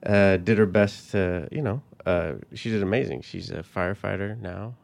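A man from Colorado, a magician guest talking in a casual chat, halting as he searches for words. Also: deep voice, creaky, a little mellow.

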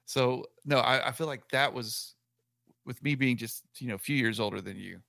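A man's voice: medium pitch, moderate pace, creaky, pushed and bright, dry recording, clean studio sound. A man of forty co-hosting a sports podcast, chatting casually and reacting live while he watches a game. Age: 40s. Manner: rambling, self-correcting, watching and reacting live. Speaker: podcast co-host.

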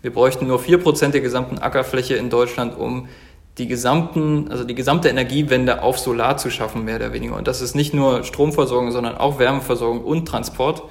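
Man, 30s, from Germany, interview guest, earnest, halting, mid pitch. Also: fairly even intonation, gravelly. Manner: earnest, full of fillers and restarts. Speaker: guest, company founder. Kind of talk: casual interview talk.

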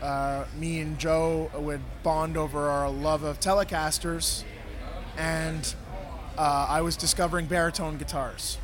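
A man's voice: fairly high pitch, little pitch movement, a little slow, crowd noise. A man with a voice cracking and strained from screaming, giving casual, thinking-aloud answers as a musician in an interview. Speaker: band musician being interviewed. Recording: outdoor urban festival, music behind.

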